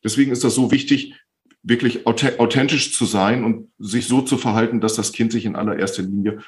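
A man who works as a speech therapist, calmly and patiently explaining as a podcast guest, often repeating phrases to stress them. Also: medium pitch, brisk. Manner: calm, patient explaining with frequent repetitions.

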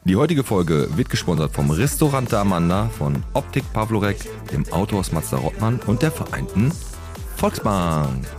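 Deep voiced dude cohosting, chatty, laughs a lot. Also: male voice, sing-song, over music. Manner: laughing, quick comebacks. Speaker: podcast co-host. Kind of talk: casual chat.

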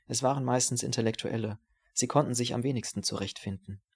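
A man's voice: medium pitch, a little mellow. Man reading a novel aloud. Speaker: audiobook narrator. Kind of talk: scripted literary narration.

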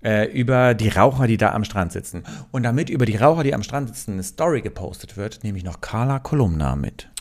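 A man's voice: lowish voice, expressive, fairly quick, hardly any pauses. A man co-hosting a comedy podcast, teasing his partner and laughing through a silly memory game. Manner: teasing, playful, often laughing mid-sentence. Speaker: podcast co-host.

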